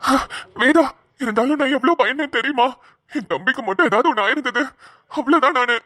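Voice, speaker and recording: A woman's voice: high voice, fairly quick, pushed and bright, no room sound. A woman voicing a devoted, emotional elder brother in a cartoon, calling out anxiously and pleading. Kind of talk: cartoon voice acting.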